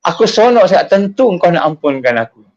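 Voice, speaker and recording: Preacher, male, Malaysian accent, slightly high voice, lively storyteller, dull lo-fi recording. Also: fast. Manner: animated storytelling, acting out quotes with big pitch jumps. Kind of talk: sermon.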